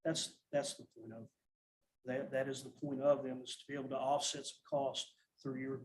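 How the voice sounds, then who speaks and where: Speaking at a moderate pace in a medium-pitched voice, this school nutrition director gives the board a financial report plainly and steadily, often starting sentences over. The rough recording carries slight background noise.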